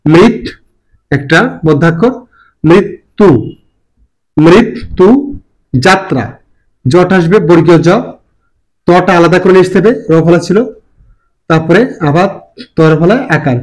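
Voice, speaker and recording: A man teaching pronunciation, spelling out words slowly and deliberately, syllable by syllable. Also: a little high, a little mellow, low-quality recording. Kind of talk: classroom lesson.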